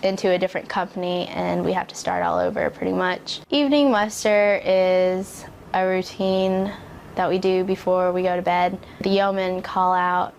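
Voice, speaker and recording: A woman's voice: on the low side, steady tone, normal speed, gravelly, slight background noise. A young American woman, a recruit, giving a casual, reflective personal account. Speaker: military recruit.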